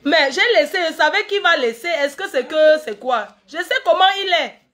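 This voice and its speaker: A high-pitched woman talks straight to her viewers in a casual live stream. She argues hard and keeps throwing out rhetorical questions. Her delivery is animated and never lets up. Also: moderate pace. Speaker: vlogger addressing viewers.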